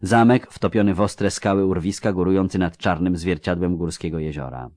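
A man reading a fantasy novel aloud in a measured, dramatic way. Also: sits low, darkish tone, no echo, clean studio sound. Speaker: audiobook narrator. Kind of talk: scripted literary narration.

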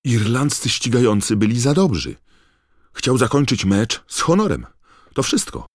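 A deep-voiced man voicing an eager teenage boy yelling excitedly at a match. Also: normal speed, dry recording, clean studio sound. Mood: insistent.

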